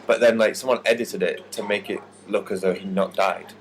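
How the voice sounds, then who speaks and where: A man's voice: lowish voice, steady tone, fairly quick. A man co-hosting a casual podcast, joking and giggling as he stumbles through his stories. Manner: giggly, jokey, stumbling restarts. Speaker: podcast co-host. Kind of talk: casual chat. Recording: noisy amateur podcast recording.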